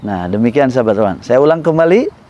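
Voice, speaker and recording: A man teaching Quran recitation melodies, explaining slowly and patiently and chanting sung examples. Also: medium pitch, big pitch swings, mellow. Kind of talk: recitation tutorial.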